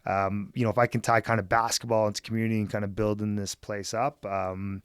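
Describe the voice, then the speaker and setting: Fairly low-pitched and clean in tone, this middle-aged man from Edmonton, Canada, talks at a fairly quick, level clip as an interview guest. A former basketball team executive, he's easygoing and enthusiastic, leaning on "man" and "right?", and the studio audio is clean with no room sound.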